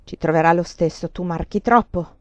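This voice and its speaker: A woman's voice: fairly low pitch, normal speed, dry recording, voice pushed down, lightly acted. A woman voicing a menacing, scheming man who talks in cold, insistent threats in a literary reading. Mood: coldly menacing. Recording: dull lo-fi dry sound.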